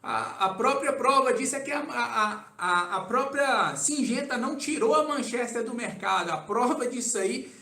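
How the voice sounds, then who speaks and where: High-voiced Brazilian man in an echoey room. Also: moderate pace. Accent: Brazilian Portuguese. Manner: casual, relaxed, keeps adding "tá?" as a tag. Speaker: agronomy consultant answering viewer questions. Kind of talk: live-stream Q&A.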